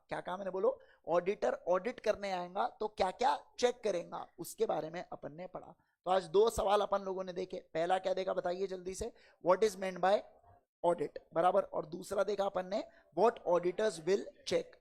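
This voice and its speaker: Gravelly male teacher quizzing his class. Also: sits high, darkish tone. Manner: quizzes the class with quick call-and-response questions; fatherly, calls students "beta". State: slightly unwell, talking slower than usual. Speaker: accounting exam lecturer. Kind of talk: classroom lecture in Hindi and English.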